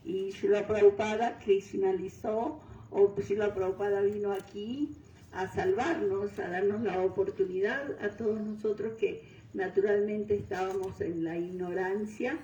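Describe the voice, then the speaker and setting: Older woman, from Venezuela, mellow voice, distant echoey hall recording. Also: mid-range voice, fairly even intonation, highs cut off, slight background noise. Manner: unhurried, searching for words, frequent fillers. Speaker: guest speaker. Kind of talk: devotional talk. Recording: distant mic in roomy hall.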